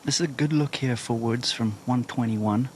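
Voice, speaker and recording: Mid-pitched man calling golf. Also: moderate pace, background noise. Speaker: golf commentator. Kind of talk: live golf commentary.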